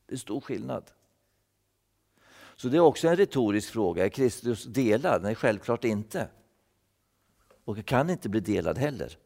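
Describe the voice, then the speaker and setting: A man's voice: lowish voice, expressive, vocal fry, long pauses, darkish tone. Man preaching a bible teaching, thoughtful, stumbles over words, long echo of a big hall. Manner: thoughtful, repeats words while explaining.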